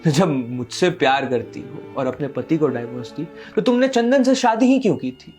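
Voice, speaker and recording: A man's voice: fairly high pitch, expressive, normal speed, a little mellow, soft background music, natural voice. A young man acting a scornful, lecturing rich boyfriend in a dramatic short film. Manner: scornful, lecturing, raises voice in arguments. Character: arrogant wealthy young man, contemptuous and moralizing. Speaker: actor playing Sahil, a rich boyfriend.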